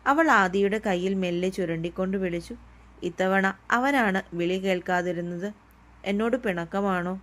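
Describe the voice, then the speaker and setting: A woman's voice: lowish voice, moderate pace, a bit bright. Woman reading a romance story aloud. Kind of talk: read-aloud romance narration.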